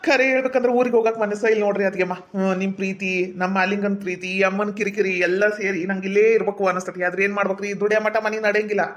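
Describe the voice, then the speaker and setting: A man's voice: high voice, little pitch movement, rapid-fire, few pauses. A man with a North Karnataka accent, talking politely and sentimentally as a visiting brother-in-law in a comedy sketch.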